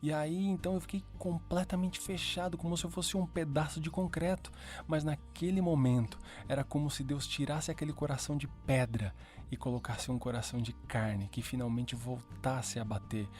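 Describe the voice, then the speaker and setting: A man's voice: fairly high pitch, steady tone, moderate pace, darkish tone, soft background music. A man giving a casual, heartfelt personal faith testimony as a podcast host, full of slangy fillers.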